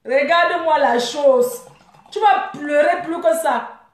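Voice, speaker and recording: A young woman with a high-pitched voice delivers a scornful, taunting rant straight to camera. Her talk is full of mocking jabs and dismissive asides. The sound bounces around an echoey room. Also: takes it slowly. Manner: mocking, scornful, with frequent laughs. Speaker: vlogger.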